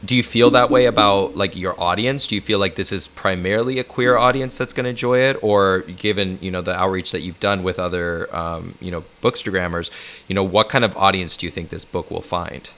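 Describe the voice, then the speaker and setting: A man's voice: low voice, a little fast, fairly bright tone. A man co-hosting a casual interview, easygoing and chatty, who narrates audiobooks. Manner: easygoing, chatty, frequent "like" and "you know". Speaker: podcast co-host and audiobook narrator.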